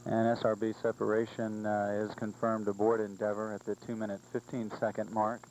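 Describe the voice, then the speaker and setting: A man's voice: fairly low pitch, completely flat delivery, brisk, darkish tone. A man giving factual, official flight commentary from mission control. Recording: dull, faintly noisy broadcast audio.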